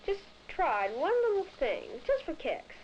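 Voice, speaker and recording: A curious, teasing child acted by a woman chats playfully in a vintage educational film. The voice is fairly high and swoops with questions. The old soundtrack is dull, with faint noise. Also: very animated, measured pace, darkish tone. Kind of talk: scripted educational film dialogue.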